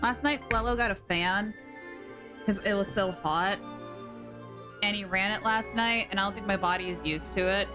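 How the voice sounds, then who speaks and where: A young woman with a sore throat chats casually and excitably on a live stream, with background music playing. Her voice is medium-pitched at a moderate pace, and she pauses often, sounding scatterbrained and gasping a lot.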